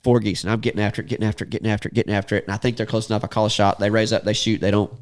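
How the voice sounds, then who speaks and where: A man's voice: fairly low pitch, level tone, racing. A man who guides waterfowl hunts, telling stories in a casual chat with lots of laughter and restarts, using a Southern "y'all". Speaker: duck hunting guide and podcast host.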